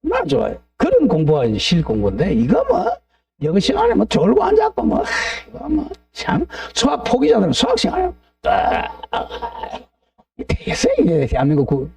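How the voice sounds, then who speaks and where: A middle-aged man teaches a real estate law class, drifting into blunt, ranting, opinionated digressions and asking the class to agree. His high voice swoops wildly in pitch at normal speed, sounding creaky, husky and darkish, picked up by a distant mic.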